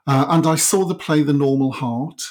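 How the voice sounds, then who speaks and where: A man's voice: on the high side, moderate pace, crowd noise. Male interviewee, middle-aged, Welsh Valleys accent; reflective, hesitant conversational delivery. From South Wales Valleys. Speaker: interview guest.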